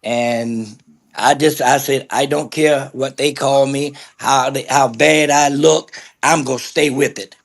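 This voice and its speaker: Gravelly older man, easygoing storyteller. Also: mid-range voice, fairly even intonation, measured pace. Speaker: guest sports official. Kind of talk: casual interview chat.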